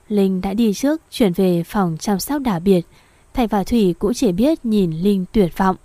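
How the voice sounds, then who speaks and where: A woman narrating a romance novel as an audiobook, in an even, steady reading voice. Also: mid-range voice, no echo.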